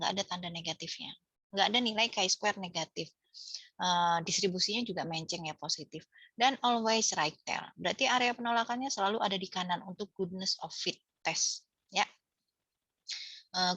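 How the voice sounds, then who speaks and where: Indonesian woman lecturer, bright slightly husky voice, dry close sound, patient step-by-step explainer who quizzes her students. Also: medium pitch, no echo. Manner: explanatory, asks students questions, many fillers. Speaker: statistics lecturer. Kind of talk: online class lecture.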